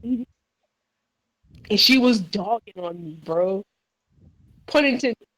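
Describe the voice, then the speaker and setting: A young woman co-hosting a podcast, telling a story in animated, slangy casual chat. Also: mid-range voice, takes it slowly, low-quality recording. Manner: animated storytelling, slangy, says "bro" and "dude". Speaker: podcast co-host.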